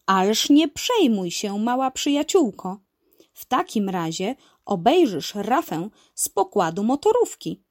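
A woman voicing a brave, cheerful uncle who leads a diving crew and loudly scolds wrongdoers, in a children's story. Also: medium pitch, big pitch swings, unhurried.

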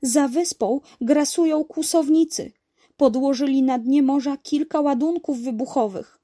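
A woman's voice: sits high, a little slow, dark tone, voice pushed up. A woman voicing a frightened dolphin pleading urgently for help in a children's story.

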